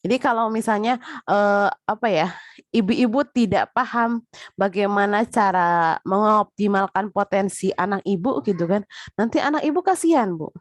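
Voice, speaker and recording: Female lecturer, chatty and direct, mid-pitched, dry close sound. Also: normal speed, dry recording. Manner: chatty, repeats filler tags, addresses listeners directly. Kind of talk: casual spoken lecture.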